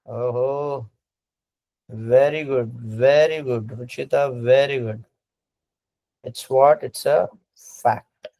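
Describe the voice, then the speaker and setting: A man with an Indian accent teaching a class, mixing Hindi and English and cheering on his students. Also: on the high side. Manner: lively, praising students, Hindi-English mix. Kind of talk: classroom lecture.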